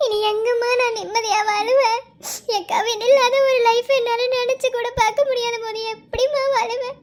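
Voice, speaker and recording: Cartoon drama: woman as grieving young wife, high voice, tearful, clinging. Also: fairly even intonation, normal speed.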